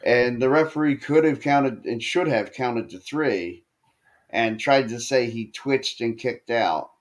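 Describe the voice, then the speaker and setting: A man with a medium-pitched voice and measured pace co-hosts a casual wrestling podcast. He retells matches with animated storytelling, full of fillers and restarts.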